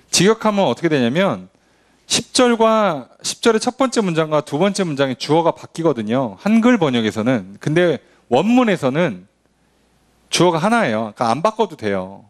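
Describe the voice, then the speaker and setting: Lively, animated Korean pastor teaching. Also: male voice, on the high side, moderate pace. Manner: animated, conversational preaching with acted-out quotes. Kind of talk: Bible study teaching. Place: church.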